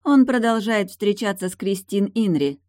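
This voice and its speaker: A woman's voice: mid-range voice, animated, normal speed, a little mellow, dry recording, clean studio sound, pitched above the performer's own voice, close to an everyday voice. A woman reading the part of a tough, menacing woman investigator in an audiobook, cold and clipped. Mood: curt.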